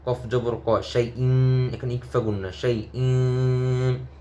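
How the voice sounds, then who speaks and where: Guy teaching quran reading, super slow, drills each syllable over and over then chants the verse up high and stretched. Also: little pitch movement, mellow, muffled recording. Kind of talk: spelled-out Quran recitation lesson.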